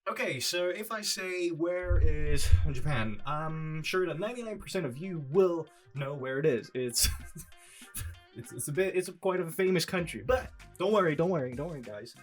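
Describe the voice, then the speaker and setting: This French vlogger speaks English with a French accent in a casual, rambling, sarcastic explainer style, peppered with "like" fillers. His voice sits on the high side and sounds animated, moving at a moderate pace. Faint music plays behind him.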